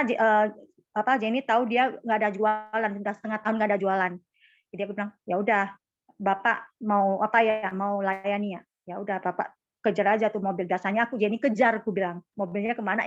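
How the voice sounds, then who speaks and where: Animated woman telling a testimony, lo-fi. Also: mid-range voice, dry recording. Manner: animated storytelling, acting out dialogue. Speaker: church member sharing a testimony. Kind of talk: casual spoken testimony.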